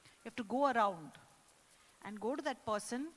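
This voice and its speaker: A woman with an Indian English accent hosting a corporate live event, teasing the crowd and leading loud cheers and laughter. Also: fairly high pitch, moderate pace. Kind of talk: energetic live event hosting with audience exercises. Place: large indoor event hall. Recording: echoey hall sound.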